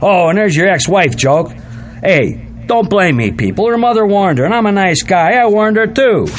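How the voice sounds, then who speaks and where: Older guy doing loud punchy standup jokes, kinda high voice. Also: lively intonation, moderate pace. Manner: brash punchy joke delivery. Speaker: stand-up comedian. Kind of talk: stand-up routine then casual explanation.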